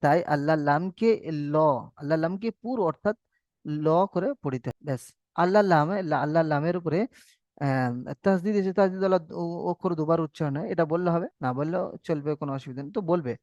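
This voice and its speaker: A man with a fairly high voice teaches Quran reading in a recorded online lesson. He drills each rule again and again, slowing right down to stretch out the recited examples. The sound is dry and dull, like a lo-fi recording. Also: a little mellow, dry recording. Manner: patient, repetitive drilling, slow drawn-out recitation of examples.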